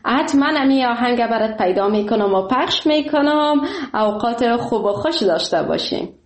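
A woman's voice: a little high, expressive, roomy sound. Cheerful woman radio host with a Kabul accent. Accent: Kabuli Dari. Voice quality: warm and welcoming, laughs often. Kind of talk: phone-in radio chat. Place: radio studio.

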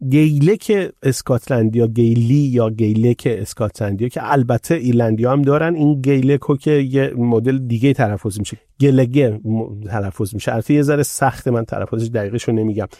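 Male podcast host, warm-toned, casual conversational delivery. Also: medium pitch, no echo, clean studio sound. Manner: conversational, tells anecdotes, reads out listener questions. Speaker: podcast host reading listener comments.

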